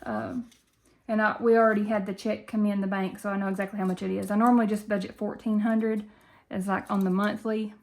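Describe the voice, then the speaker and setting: A woman's voice: mid-range voice, level tone, a little fast. A woman from Tennessee with a country Appalachian Southern accent, chatting casually and folksily to viewers as the host of a budgeting video.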